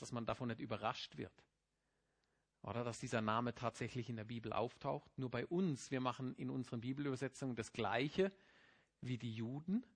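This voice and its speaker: A middle-aged pastor preaching a sermon, explaining patiently and then rising into emphatic passages. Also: male voice, medium pitch, vocal fry, breathy edge.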